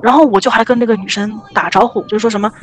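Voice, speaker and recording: A young woman casually telling a ghost story on a podcast, rambling and animated with many restarts. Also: medium pitch, very fast.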